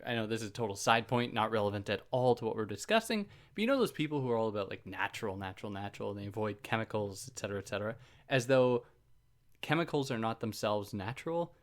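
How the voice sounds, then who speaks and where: A man with a soothing, lowish voice talks fast with lively intonation while hosting a philosophy podcast. He explains ideas in a casual, chatty manner, poking fun at himself and drifting into tangents.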